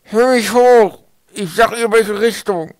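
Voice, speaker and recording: A man doing a slow, mumbling swollen boy. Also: sits high, clean tone, dry recording, pitched above the performer's own voice, poor audio. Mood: miserable. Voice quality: mumbling as if mouth full. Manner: slow, drawn-out, pleading. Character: swollen, miserable butcher boy.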